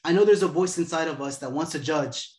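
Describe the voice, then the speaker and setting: A man's voice: a little high, a little fast, darkish tone, reverberant. A man in his twenties giving a casual motivational talk as host, laid-back and profane. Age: 20s.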